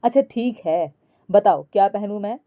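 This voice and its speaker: A woman's voice: medium pitch, moderate pace, dry recording, phone-quality sound, natural voice. A woman voicing a patient, easygoing young husband in a storybook. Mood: pleading.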